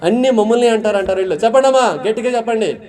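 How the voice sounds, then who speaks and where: A man's voice: high voice, animated, rapid-fire, darkish tone. A man preaching a sermon, repeatedly asking the congregation questions and urging them to answer aloud. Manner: calls out questions and urges listeners to answer aloud.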